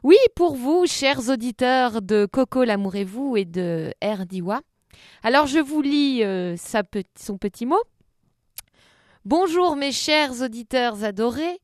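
A woman's voice: a little high, expressive, unhurried, darkish tone, dry recording, clean studio sound. A woman hosting a comic radio show, telling a story in a playful, mock-earnest way.

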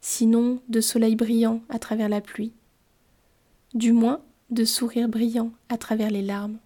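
A woman voicing a gentle, consoling little fairy. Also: a little high, level tone, measured pace. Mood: coaxing. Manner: soft, coaxing and consoling. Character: gentle tiny winged female fairy, kindly and soothing.

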